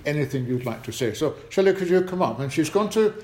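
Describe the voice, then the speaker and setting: Male preacher, higher voice, friendly quiz-style children's talk, recorded in an echoey church hall. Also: animated, fast, darkish tone, a little hiss or hum. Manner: chatty, asks the congregation questions.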